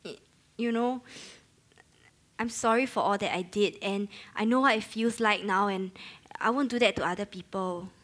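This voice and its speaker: A woman's voice: fairly high pitch, lively intonation, unhurried, fairly bright tone. A young woman playing an awkward, overeager reformed mean girl.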